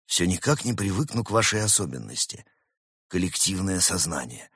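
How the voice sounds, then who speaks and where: A man voicing a fussy, excitable male professor who gets flustered, in a storybook reading. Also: low-pitched, moderate pace, slightly rough, no room sound, clean studio sound, exaggerated voice. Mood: admiring.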